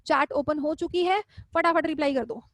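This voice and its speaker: A woman with a high, bright-pitched voice teaches zoology in a live online class. She talks in a chatty, affectionate way and keeps repeating questions back to her students. The sound is dry and close, with no room around it. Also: normal speed, no room sound. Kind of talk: live online class, casual Hindi lecturing.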